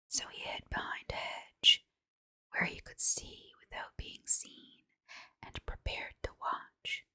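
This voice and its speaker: A woman reads a children's storybook under her breath in an ASMR style, in an unvoiced whisper. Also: pushed and bright.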